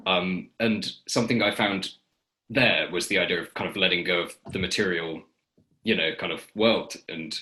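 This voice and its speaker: A man's voice: low voice, moderate pace. A man hosting a podcast interview, listening attentively and then sharing his own thoughts. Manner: attentive listener, gives quiet backchannels. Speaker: podcast host. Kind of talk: conversational interview.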